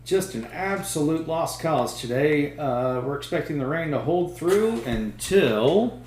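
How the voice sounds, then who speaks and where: A man's voice: fairly high pitch, animated, a little slow, darkish tone, echoey room, a little hiss or hum. A man putting on a radio weatherman's voice, breezy announcer cadence with hesitant fillers. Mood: upbeat.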